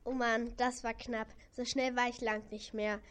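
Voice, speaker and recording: A woman's voice: fairly high pitch, little pitch movement, normal speed, clear, resonant tone, natural voice. A woman voicing an old, worn-out male donkey in a children's audio play, talking in an earnest, plain way. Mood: relieved.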